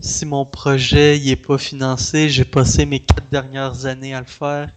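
Man with a Québécois French accent, mid pitch. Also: little pitch movement, moderate pace. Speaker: interviewee, independent game developer. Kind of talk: casual conversation.

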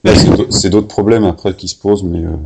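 A man with a Parisian French accent and a gravelly, husky voice, interviewing someone in a conversational way. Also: low-pitched, fairly even intonation, brisk, darkish tone.

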